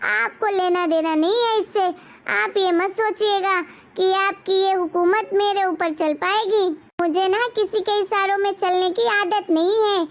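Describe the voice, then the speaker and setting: A woman voicing a rude, defiant young daughter-in-law in a cartoon story, talking back in a sassy, bossy way. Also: very high voice.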